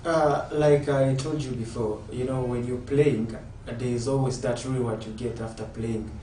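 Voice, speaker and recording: A man from South Sudan, a footballer, answering interview questions in an earnest, steady way. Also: mid-range voice, measured pace. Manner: earnest, steady, explaining at length. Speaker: footballer guest. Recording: echoey room, distant mic, ambient noise.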